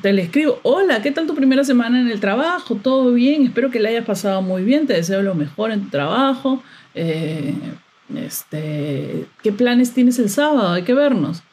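Husky-voiced chatty young woman podcaster. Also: fairly high pitch, animated, moderate pace, a little mellow. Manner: chatty, exasperated, laughs often. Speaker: podcast host. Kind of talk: casual monologue.

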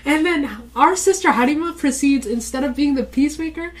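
A woman's voice: high-pitched, brisk. A young woman hosting a podcast in casual chat, a teasing storyteller who laughs often. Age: young adult. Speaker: podcast host.

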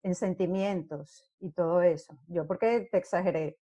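A woman's voice: on the low side, normal speed, dry recording. A middle-aged woman, an actress, telling stories in a casual interview and acting out the scenes she describes. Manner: animated storyteller who acts out scenes.

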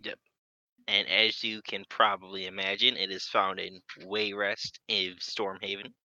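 Man, podcast co-host, laid-back, very sharp bright tone, dry close sound. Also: sits low, little pitch movement, a little slow, no echo, poor audio. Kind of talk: casual gaming podcast chat.

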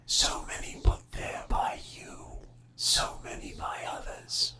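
A man whispering as a cryptic unseen presence. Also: natural voice. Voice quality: breathy whisper. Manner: slow, cryptic, teasing.

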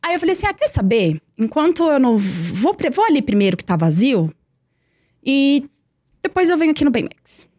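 A woman's voice: high voice, sing-song, moderate pace, a little mellow, no echo, clean studio sound. A young woman telling a personal story in earnest, repeating words for emphasis. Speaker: guest.

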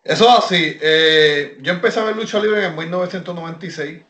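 A Puerto Rican man with a slightly high voice, talking as a guest on an interview podcast. He tells his story in an animated way and often stops to restart a phrase. The room around him gives his voice a roomy echo. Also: fairly quick. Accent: Puerto Rican Spanish. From Puerto Rico. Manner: animated, many fillers and restarts. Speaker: wrestler guest.

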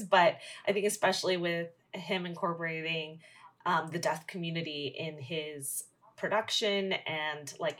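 A woman's voice: fairly low pitch, fairly bright tone. A woman co-hosting a podcast, playful and bubbly, teasing and interviewing a guest. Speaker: podcast co-host. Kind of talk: casual podcast chat.

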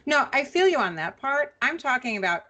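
A woman podcast co-host chatting casually and recapping news, with relaxed, hesitant pauses. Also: high-pitched. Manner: conversational, relaxed with many "um" pauses.

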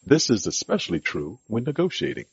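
A man's voice: medium pitch, wildly swooping pitch, brisk, slightly rough, no room sound, lo-fi sound. A man hosting a podcast, reading a scripted monologue with an emphatic, instructive delivery. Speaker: podcast host.

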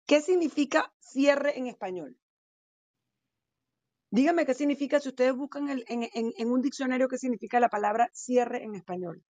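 A woman in an instructive panel talk, with a slightly high voice and a firm, emphatic delivery. She often turns to the audience with direct questions. The recording is dry, with very little room sound. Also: normal speed, darkish tone, dry recording. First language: Spanish. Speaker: real estate seminar expert.

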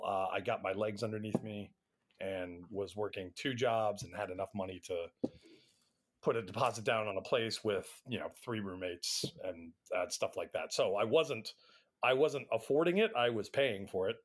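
A man's voice: lowish voice, normal speed. Wry middle-aged American man telling stories. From United States, Atlanta area. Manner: wry, self-deprecating. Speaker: podcast guest, actor. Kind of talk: casual anecdotal interview chat.

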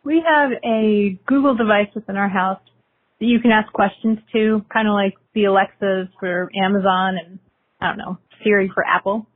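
A woman's voice: medium pitch, steady tone, normal speed. A woman from Oregon leaving a voicemail question for the show. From Portland, Oregon. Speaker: caller. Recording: phone-line voicemail.

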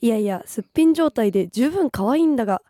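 A young woman from Gifu co-hosts a radio show, hoarse from a cold, with a Nagoya-tinged accent. Her fairly high, mellow voice sounds close and dry in the studio. She talks politely and giggles often. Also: animated, fast, no echo. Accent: Nagoya-tinged Japanese. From Gifu, Japan. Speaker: radio co-host. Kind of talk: casual radio chat, reading listener messages.

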